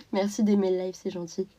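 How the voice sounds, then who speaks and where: A young woman live-streams casually from home as she colours, stuffy-nosed and sniffling with a cold, chatting away and welcoming viewers by name. Her voice is medium-pitched and slightly mellow, with a bit of hiss or hum in the audio.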